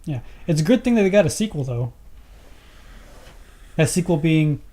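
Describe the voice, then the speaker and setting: A man's voice: on the high side, lively intonation, moderate pace, warm tone. A man co-hosting a casual podcast, chatting and joking about movies. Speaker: podcast co-host.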